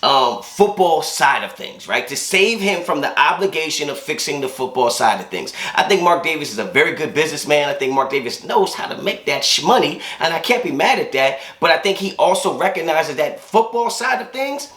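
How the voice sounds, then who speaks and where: A man's voice: a little high, very animated, fairly quick, hardly any pauses, fairly bright tone. A man with a sick, congested and wheezy voice gives casual, slangy sports commentary as a vlog host, repeating phrases for emphasis. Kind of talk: casual opinion commentary to camera. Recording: roomy echo.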